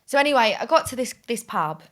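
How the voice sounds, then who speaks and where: A woman's voice: a little high, fast. Chatty woman telling a story. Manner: animated, chatty storyteller who swears freely. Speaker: podcast host. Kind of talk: casual chat.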